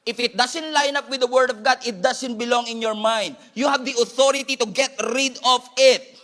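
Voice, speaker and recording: Filipino man, pastor, high voice, preaching, code-switching, playful asides. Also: fairly even intonation, normal speed, pushed and bright. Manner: switches between Tagalog and English, jokes with congregation. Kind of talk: sermon.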